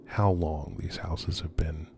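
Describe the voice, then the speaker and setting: A man with a very low, mellow voice narrates an exploration tour off the cuff. He speaks slowly and haltingly, musing as he goes and often sinking toward a murmur. Faint background noise sits behind him. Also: little pitch movement. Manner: hesitant, halting, musing delivery with trailing phrases. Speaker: video host and urban explorer. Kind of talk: unscripted narrated tour of abandoned houses. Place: on location at night around abandoned row houses. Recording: noisy ambient location recording.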